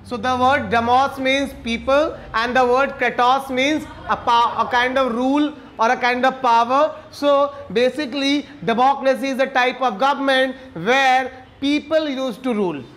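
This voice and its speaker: A man's voice: very high voice, fairly even intonation, extremely slow, hardly any pauses, fairly bright tone, a little hiss or hum. A man with an Indian accent giving a classroom civics lecture. He mixes Hindi and English, asks himself rhetorical questions and checks in with the class. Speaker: civics teacher.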